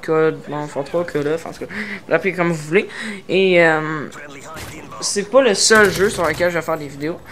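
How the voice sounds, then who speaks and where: A man's voice: a little high, moderate pace, fairly bright tone. Hesitant young-sounding Québécois gamer guy. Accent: Québécois French. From Quebec, Canada. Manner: hesitant, many filler sounds and restarts; tries to articulate carefully. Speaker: gaming YouTuber. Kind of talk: casual channel introduction over gameplay.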